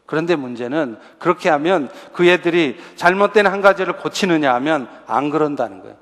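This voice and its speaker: A man with a notably high voice preaches a sermon, talking to his congregation in a conversational way and asking them rhetorical questions. His words ring out with a long reverb, as in a large church sanctuary. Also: expressive, a little fast, fairly bright tone. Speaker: pastor.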